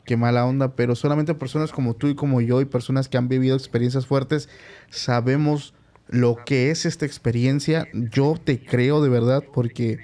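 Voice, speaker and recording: A man's voice: mid-range voice, steady tone, moderate pace, warm tone. A man hosting a podcast, reassuring a caller in a sympathetic way. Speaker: podcast host.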